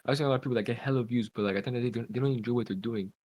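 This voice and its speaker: A Cuban-born man in his twenties who grew up in Pennsylvania rambles through a long story as a podcast guest and content creator, saying "like" constantly. His voice is medium-pitched, slightly rough and somewhat dark, and he talks at a rapid clip. It's recorded on a podcast call mic.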